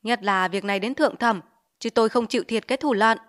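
A hot-tempered village chief barks orders and refuses to back down, as a woman reader puts him on. The voice sits fairly high and pushes loudly. It is read as part of a spoken novel. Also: quick pace, lightly acted. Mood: defiant. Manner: shouting, bossy.

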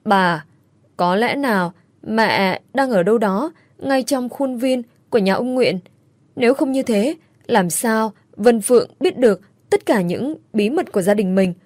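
A woman's voice: a little high, lively intonation, unhurried, a little mellow, dry recording. A woman voicing a young female student who speaks earnestly and worries easily. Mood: anxious.

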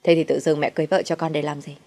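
Audio-story role: unstable ailing young man, acted by a woman, loud, low outbursts. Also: little pitch movement, rapid-fire. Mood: raging. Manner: shouting, agitated. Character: sickly volatile young husband, fearful of death.

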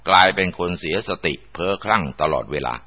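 A man's voice: low-pitched, animated, fairly quick. A man narrating a ghost story in a dramatic, vivid storytelling manner. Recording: dull lo-fi recording.

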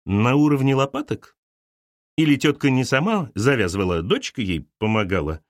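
Lively man reading an audiobook. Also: mid-range voice, moderate pace, no echo, studio quality. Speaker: audiobook narrator.

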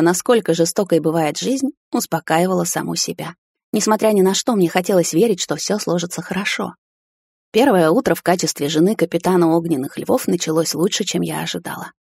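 A woman narrating a first-person romance audiobook in an intimate, measured reading. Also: fairly low pitch, darkish tone, husky, no room sound, studio quality.

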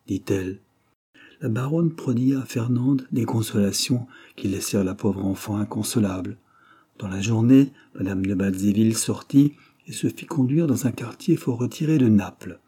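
A man reads a classic novel aloud in a measured narrating manner. His voice sits low and sounds dark and mellow. There is a husky grain to his tone. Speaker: audiobook narrator. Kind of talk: audiobook reading.

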